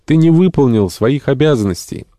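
A man voicing a calm, dryly ironic middle-aged sea captain. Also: mid-range voice, moderate pace, no echo, voice pushed up, natural voice. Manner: calm, dry irony.

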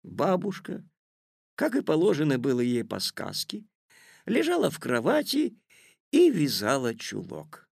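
Male storyteller, slow, gravelly texture, dry mic. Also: fairly high pitch, huge pitch swings, darkish tone, no room sound. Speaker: narrator. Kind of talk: storybook reading.

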